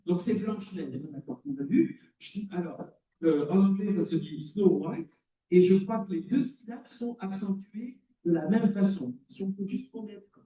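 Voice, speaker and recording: In a lecture hall, a man delivers a conference talk as a cognitive psychology lecturer, alternating explanations with questions to the audience. His high voice has a dark tone at normal speed, captured in a distant, dull, roomy recording.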